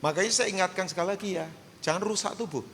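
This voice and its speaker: A man in his fifties preaching a sermon, swinging between loud proclamations and soft storytelling. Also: sits high, racing, vocal fry. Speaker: pastor. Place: large church hall. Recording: long church hall reverb, faint noise.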